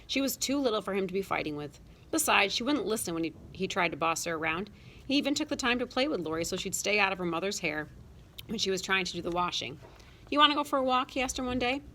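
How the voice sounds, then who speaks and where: A woman's voice: mid-range voice, fast talker, slight background noise. Woman reading a storybook aloud. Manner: lively, expressive reading. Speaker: audiobook narrator. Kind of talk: storybook narration.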